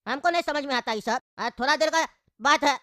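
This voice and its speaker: A woman's voice: sits high, brisk, bright, forceful tone, no echo, studio quality. A woman voicing a sick old father who coughs and complains while stuck on a plane. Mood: grumbling. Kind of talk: comic cartoon voice acting.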